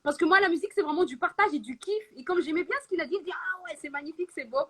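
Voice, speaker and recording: Female singer, high bright voice, eager rambling talker. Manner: chatty, rushes through stories with quick asides. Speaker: singer and interview guest. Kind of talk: live singing then casual chat.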